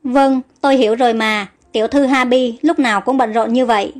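A courteous older male doctor speaks politely and with gratitude, voiced by a woman reading a storybook. Her voice stays high even for him, and faint music plays behind. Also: fairly quick, close to an everyday voice. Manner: polite, warm deference. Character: kindly older male village doctor, grateful.

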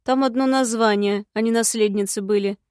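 A woman voicing a secretive, grumbling male imp in an audiobook, speaking slowly and gruffly. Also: a little high, fairly even intonation, darkish tone, no echo, clean studio sound, lightly acted. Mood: glum.

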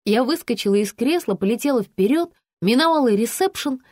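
A woman narrating a first-person novel as an audiobook in a brisk, expressive way. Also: fairly high pitch, no room sound, studio quality.

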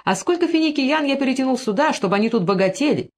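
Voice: medium pitch, animated, fast talker, voice pushed up, close to an everyday voice. A reader doing a sneering, haughty usurer. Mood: heated. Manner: mocking, haughty. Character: sneering male usurer, scornful and touchy. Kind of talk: audiobook character reading.

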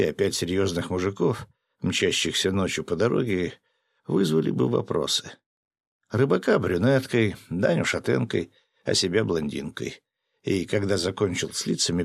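Male audiobook narrator, low and gravelly, lively and expressive reading. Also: no echo, clean studio sound. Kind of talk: first-person audiobook narration.

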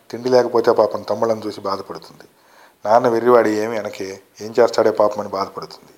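A man's voice: on the low side, a little mellow, lightly acted. A man reading the part of a poor, tearful middle-aged wife and mother as she laments to her husband in a read-aloud story. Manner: pleading, lamenting.

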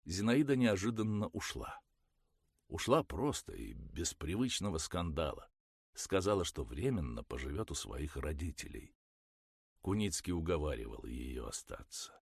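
Deep husky male audiobook narrator. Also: no room sound, studio quality. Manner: expressive, lively storytelling.

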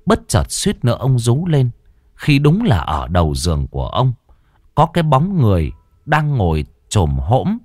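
A man telling a ghost story in a lively, dramatic way. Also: medium pitch, normal speed, no room sound, clean studio sound.

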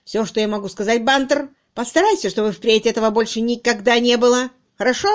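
A cross gentleman in a storybook reading, scolding his manservant sharply and loudly, as a woman reader puts him on. His lines come clipped and hard. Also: mid-range voice, lively intonation, moderate pace, close to an everyday voice. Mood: angry.

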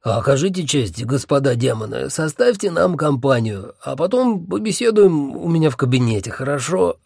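A drunk, pompous old sorcerer blusters and wheedles, as a man reading the book puts him on. The voice is raised above the reader's own, husky and gravelly, rising and falling a lot. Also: high-pitched, lively intonation, normal speed, a little mellow, no echo, studio quality, voice pushed up, heavily acted. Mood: pleading. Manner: pleading, blustering, tipsy. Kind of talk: audiobook character voice.

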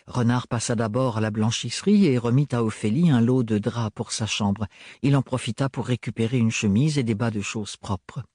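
A man reading a novel aloud as an audiobook in a measured, expressive storytelling manner. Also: medium pitch, breathy edge, dry recording, clean studio sound. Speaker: audiobook reader. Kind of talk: scripted audiobook narration.

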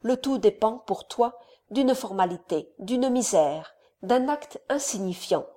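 A woman voicing a scheming older male count who speaks to his son in a measured, solemn, persuasive way. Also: a little high, animated, warm tone.

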